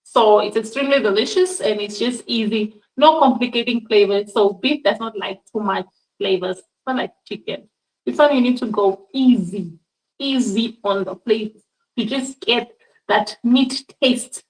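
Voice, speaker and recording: A woman's voice: a little high, recorded from a distance. A woman giving a casual cooking demonstration in her home kitchen, chatting to her viewers and often calling them guys. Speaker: cooking vlogger. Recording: echoey kitchen, voice off-mic.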